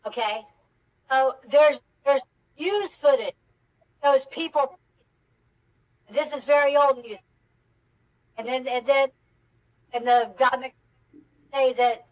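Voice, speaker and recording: High pitch-shifted caller with audio dropouts. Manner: halting, restarts mid-thought. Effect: audio cutting out in dropouts; pitch-raising voice changer. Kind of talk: call-in discussion. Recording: muffled distant call-in line with dropouts.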